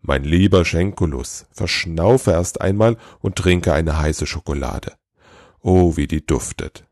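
A man voicing a tired, kindly old Father Christmas who speaks slowly and gently. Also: low-pitched, animated, no echo, studio quality. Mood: gentle.

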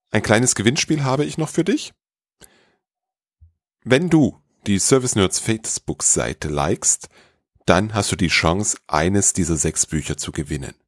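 A man hosting a podcast and reading a story in a calm, measured way. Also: deep voice, dry recording, studio quality. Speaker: podcast host and narrator. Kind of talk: storybook narration.

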